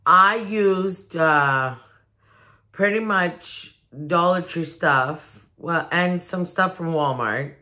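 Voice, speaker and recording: Woman, DIY vlogger; chatty and loose, a bit low-pitched, talks to a phone on a ring light. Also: extremely slow, bright, forceful tone. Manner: chatty, rambling, with many restarts. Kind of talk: casual chat to camera. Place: new home, indoors.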